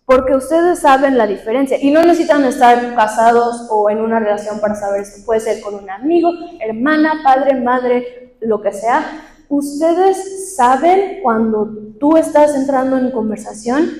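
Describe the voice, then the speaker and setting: A woman's voice: high voice, moderate pace, darkish tone. A young woman giving a workshop talk to a live group, teaching conversationally and asking the audience questions. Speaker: workshop speaker. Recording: echoey hall with long reverb.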